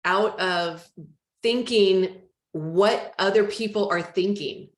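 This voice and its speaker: A woman leading a real estate team training, talking in a chatty, animated way and acting out phone calls. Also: medium pitch, slow pace, roomy sound.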